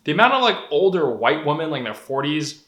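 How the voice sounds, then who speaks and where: His voice a little high and his pace fast, a young vlogger from Denver, Colorado swears a lot while candidly telling animated stories in a casual monologue. The space he records in is echoey.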